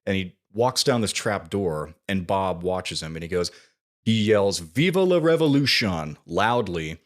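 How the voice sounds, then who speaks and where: Low-voiced man retelling film scenes. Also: a little slow. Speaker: podcast co-host. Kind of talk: casual film discussion.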